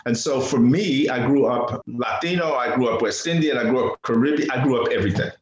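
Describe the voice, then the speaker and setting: An older artist from New York City appears as a podcast guest, telling personal stories in a casual, animated way and repeating phrases for emphasis. His voice is medium-pitched, the highs are cut off, and the interview sounds roomy and echoing.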